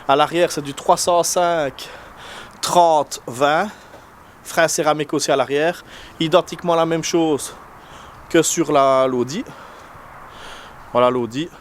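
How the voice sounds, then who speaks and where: Guy vlogging about cars, bit of an odd french accent, slightly high voice, lots of euh and restarts, noisy car and street sound. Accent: non-standard French accent. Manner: chatty, hesitant, many fillers and restarts. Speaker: car channel host. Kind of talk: casual car vlog. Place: in a car, then outdoors beside parked cars. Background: vehicle and street noise.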